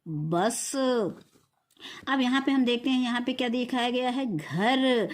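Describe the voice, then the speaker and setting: A primary school teacher with a fairly high, expressive voice gives a recorded reading lesson for young children. She sounds out words slowly, syllable by syllable, and asks questions that she then answers herself.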